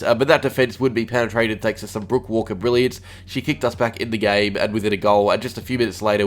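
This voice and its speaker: Australian man, lowish voice, quick pace, slightly sick, sports review host, uh fillers. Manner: rapid, with frequent "uh" fillers. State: a little sick. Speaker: fan channel host. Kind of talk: solo sports review vlog.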